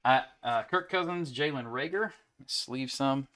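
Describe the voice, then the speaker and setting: Host, man, young adult, mid-pitched, relaxed chatter while opening card packs on a home stream. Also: a little slow. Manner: easygoing, rattles off player names between chat.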